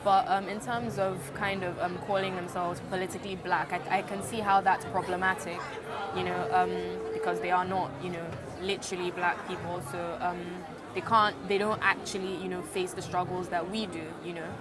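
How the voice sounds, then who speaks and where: Young Nigerian woman, hesitant, low voice. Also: little pitch movement, normal speed, over music, crowd noise. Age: young adult. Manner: hesitant, many fillers and restarts. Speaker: interviewee, student. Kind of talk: casual interview answers.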